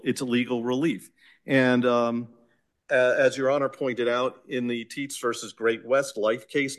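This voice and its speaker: A man with a Boston accent, an attorney making an oral argument before appellate judges in a measured, insistent way. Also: medium pitch. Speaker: attorney arguing an appeal.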